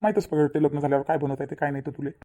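A woman voicing a cartoon character with rapid, teasing talk. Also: sits low, fairly even intonation, warm tone. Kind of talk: Marathi cartoon voice acting.

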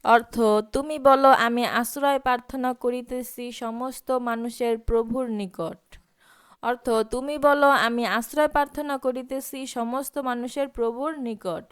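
Bengali-native woman teacher, higher-pitched, crisp and clean tone, unhurried recitation drill with quick asides. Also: fairly even intonation. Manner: slow drawn-out recitation mixed with quick spoken explanations. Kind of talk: recitation lesson, sounding out letters and vowel marks.

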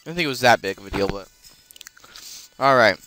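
A man's voice: medium pitch, animated, brisk, sharp tone, faint music behind. A man casually commenting while he plays a video game, rambling with many fillers and self-corrections as he explains what he is doing. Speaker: let's play host.

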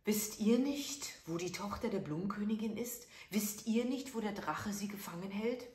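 A woman's voice: medium pitch, normal speed, darkish tone, voice pushed up, close to an everyday voice. A woman voicing a kind-hearted young prince who asks earnestly, in a roomy recording. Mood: searching. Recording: echoey room.

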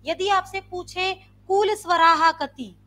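Speaking slowly in a very high voice, an Indian Sanskrit teacher runs a live online grammar class. She poses the same questions to her students again and again and demonstrates loud and soft sounds.

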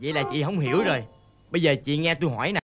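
An actor playing a sly, scheming male friend in a stage comedy, talking in fast, wheedling patter. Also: on the high side, natural voice. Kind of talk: stage comedy skit acting. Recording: loud backing music on stage.

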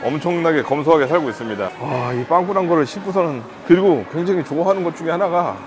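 A man with a slightly high, expressive voice talks quickly and casually as a vlogger husband filming his wife, narrating and chatting. It's partly voice-over and partly recorded on location in an outlet shoe store, with background music and shoppers' chatter in the mix.

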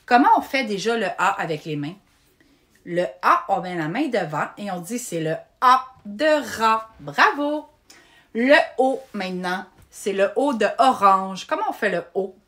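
A woman teaching young children to read letters, talking slowly and patiently and praising often. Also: mid-range voice, animated, fairly bright tone. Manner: slow and patient, spelling out letters with frequent praise. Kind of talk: slow, encouraging children's reading lesson.

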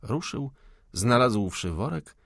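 A man reading a classic novel as an audiobook narrator, measured and literary. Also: mid-range voice, lively intonation, gravelly, a bit bright, no echo, clean studio sound. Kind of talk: scripted narration.

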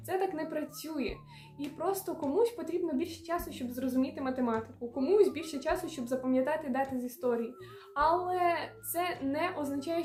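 A woman's voice: high-pitched, a little mellow, reverberant. A young woman from Ukraine, a student vlogger giving earnest, direct study advice. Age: young adult. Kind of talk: advice vlog.

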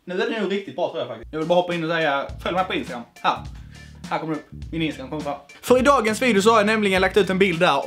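A man's voice: sits high, animated, a bit bright, soft background music. A young man chatting casually on his vlog, joking and swearing, dropping in English phrases. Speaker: YouTuber.

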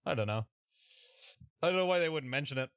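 A young Irish man streaming a shooter game with a friend, excitable, swearing and laughing at himself. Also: fairly high pitch, fast talker, smooth, dry recording. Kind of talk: gameplay commentary with a friend.

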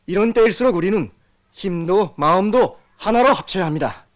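A man's voice: high voice, normal speed, dull audio. An actor with a North Korean accent playing an earnest, encouraging male coach in his thirties in a film drama, speaking instructively. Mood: earnest, rousing. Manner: animated, instructive.

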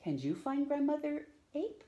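A middle-aged woman hosts storytime in a small room at home, reading a picture book aloud to young children. Her high, mellow voice is very animated at a moderate pace, and she theatrically stretches out words and asks her listeners questions.

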